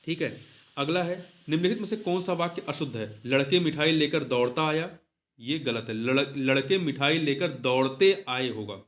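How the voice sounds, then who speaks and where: A man with a somewhat high voice walks through exam answers one by one. He explains each answer, then asks it back as a question and repeats it. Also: animated, normal speed, fairly bright tone. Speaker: Hindi exam tutor.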